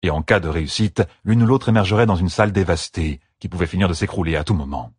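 A man reading an audiobook novel aloud as narrator, in an expressive storytelling manner. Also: low-pitched, fast, husky, dry recording, clean studio sound. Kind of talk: scripted narration.

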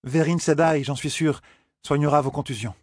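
A man's voice: fairly high pitch, steady tone, moderate pace, dry recording, clean studio sound, pitched above the performer's own voice, lightly acted. A man putting on an earnest young apprentice girl. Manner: apologetic, earnest. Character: contrite young woman apprentice. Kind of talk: audiobook character voice.

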